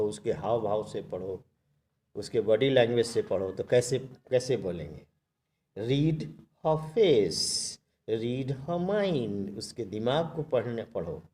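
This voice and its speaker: Guy teaching english phrases super slow, spelling words out, calm dark voice. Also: mid-range voice. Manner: says English phrases very slowly, then explains in Hindi; calm, even speaking voice. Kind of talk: spoken English lesson.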